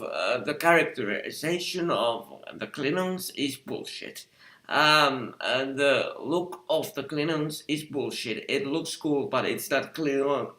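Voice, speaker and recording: A man giving an exasperated review monologue, halting often with fillers and restarts. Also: medium pitch, fairly bright tone, roomy sound. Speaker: video reviewer.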